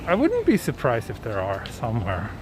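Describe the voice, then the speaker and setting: A man from southern Sweden livestreams a night walk through city streets on a handheld phone camera, casually answering viewers. His mid-range voice moves at normal speed, relaxed with many ums and restarts, while traffic and street ambience sound behind him.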